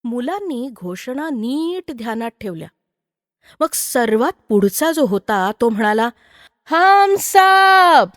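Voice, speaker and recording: Slow, measured woman storyteller. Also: a little high, no room sound, clean studio sound, long reverb tail. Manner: measured, expressive reading. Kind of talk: scripted story narration.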